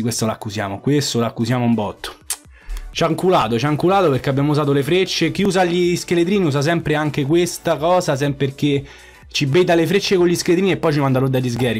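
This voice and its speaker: A man's voice: mid-range voice, a little mellow. A man commenting on his own mobile game match, swearing often and repeating phrases in frustration. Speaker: gaming YouTuber. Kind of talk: live gameplay commentary.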